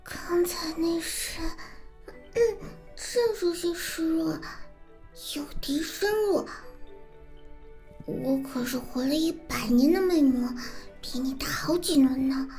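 A woman voicing a clumsy, flustered succubus who acts tough in a halting, breathy ASMR role-play. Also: high voice, mellow, faint music behind. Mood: bossy, proud. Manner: breathy, halting, tsundere bluster.

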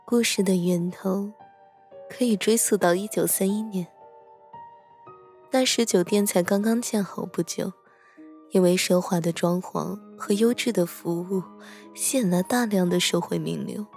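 A woman voicing a soft-spoken young hotel attendant in an audio drama, gently teasing her guest before dropping into a hushed, slow telling of a ghost story. Her voice sits at a middle pitch, and faint music plays underneath. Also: close to an everyday voice. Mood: eerie. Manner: gentle, teasing, slows and hushes for eerie moments. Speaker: hotel staff member telling a ghost story to a horror writer.

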